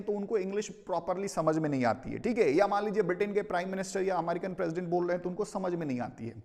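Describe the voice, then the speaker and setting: High-voiced Indian teacher, echoey room. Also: male voice, darkish tone. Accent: Indian English. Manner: explains with repeated "theek hai" check-ins, mixing Hindi and English. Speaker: English teacher. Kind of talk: classroom pronunciation lesson.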